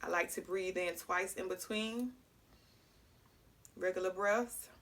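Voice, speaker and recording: A woman's voice: lowish voice, takes it slowly, fairly bright tone. Congested woman teaching breathing exercises. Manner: talks straight to viewers, checks in with frequent "okay?". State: congested, slightly clogged. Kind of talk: casual guided breathing lesson.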